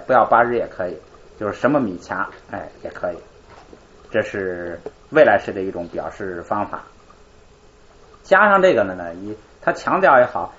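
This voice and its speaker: A man's voice: on the low side, fairly bright tone, muffled recording. A male teacher explaining grammar in a live class, asking questions and answering them himself.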